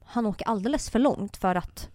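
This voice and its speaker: A woman's voice: mid-range voice, darkish tone, no room sound. A young woman hosting a podcast, telling a story in casual chat and quoting people in put-on voices. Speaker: podcast host.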